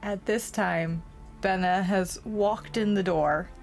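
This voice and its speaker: A woman's voice: medium pitch, fairly even intonation, slow, faint music behind. A woman running a tabletop game as game master, narrating scenes and explaining rules casually.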